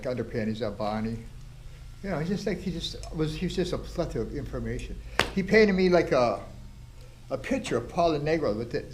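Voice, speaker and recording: A man's voice: a little high, slight background noise. An older man, a tattoo artist, telling blunt, profane stories and acting out what people said. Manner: profane, blunt storytelling with acted-out quotes. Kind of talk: storytelling interview.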